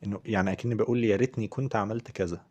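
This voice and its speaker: A man with an Egyptian Arabic accent teaching English pronunciation, repeating words slowly and carefully for practice. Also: fairly low pitch, fairly even intonation, a little mellow. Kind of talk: language lesson explanation.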